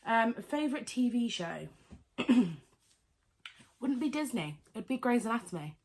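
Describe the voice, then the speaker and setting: A woman's voice: a little high, sing-song, slow pace, a little mellow. A woman, answering viewer questions in a chatty, rambling vlog with lots of fillers and self-corrections. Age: 20s. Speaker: vlogger. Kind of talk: casual Q&A vlog.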